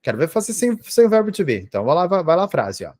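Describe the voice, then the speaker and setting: Lively Portuguese-speaking English teacher. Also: male voice, a little high, quick pace. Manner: explains step by step, checks in with frequent "tá?". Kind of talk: grammar lesson for exam prep.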